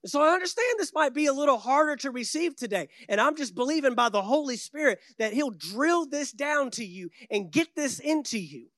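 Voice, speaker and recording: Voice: sits high, lively intonation, a little fast, hardly any pauses, a bit bright, no room sound. Exhorting, emphatic preacher, close dry sound. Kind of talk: sermon to a congregation.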